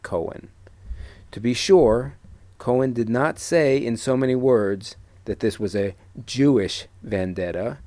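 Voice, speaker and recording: An older man hosting a solo radio podcast, lecturing slowly and deliberately, then reading his own article aloud. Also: fairly low pitch, mellow, no room sound. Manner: slow, deliberate lecturing delivery.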